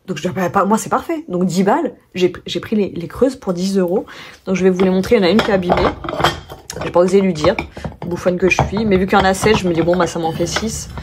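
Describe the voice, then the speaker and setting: A woman's voice: on the low side, fast talker, darkish tone, a little hiss or hum. A young French woman chatting casually in a haul vlog, telling stories with many fillers and restarts. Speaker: vlogger.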